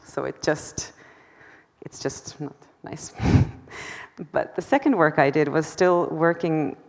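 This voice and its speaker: A low-pitched woman presents her own artwork in a lecture hall, her voice trailing a long reverb. She talks haltingly, restarting phrases and filling pauses, laughing at herself now and then. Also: creaky. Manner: hesitant, many fillers and restarts, self-deprecating laughter. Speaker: artist presenting her work. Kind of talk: conference talk.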